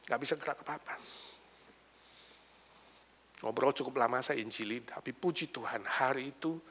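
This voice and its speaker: An older male pastor preaching a sermon, telling a story and swinging between loud emphatic lines and hushed, almost whispered ones. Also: mid-range voice, moderate pace, slight background noise.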